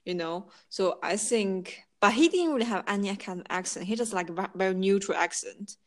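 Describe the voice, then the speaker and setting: A woman's voice: medium pitch, moderate pace. A woman in her twenties with a Thai accent chats casually, often dropping in "like" and "you know". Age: 20s. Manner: peppers speech with "like" and "you know". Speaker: conversational co-host. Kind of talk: casual chat.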